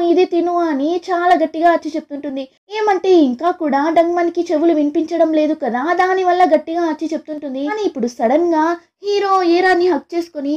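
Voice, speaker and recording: A woman narrates a drama's plot in a casual, chatty way, dropping in English words. Her voice sits very high. The recording sounds dull and lo-fi. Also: darkish tone.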